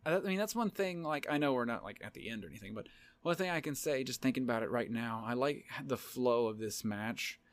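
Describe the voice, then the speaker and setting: A man's voice: mid-range voice, brisk. A man co-hosting a podcast, recapping a wrestling match in casual chat, rambling and acting out quotes. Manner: rambling, animated, acts out quotes. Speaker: podcast co-host.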